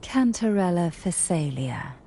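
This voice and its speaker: An actress voicing a composed, cool noblewoman in video game dialogue, measured and poised. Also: fairly low pitch, expressive, dark tone, slight background noise.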